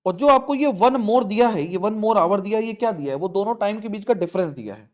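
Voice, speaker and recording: A man with a high voice teaches a maths lesson, explaining each step and repeating the key points. He coaxes his students with questions. The sound is somewhat dull and lo-fi. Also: expressive, quick pace.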